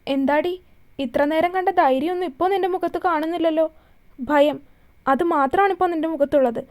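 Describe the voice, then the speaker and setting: A woman's voice: very high voice, fairly quick, a little mellow. A woman voicing a cruel young man who holds a woman captive, in a mocking, menacing way.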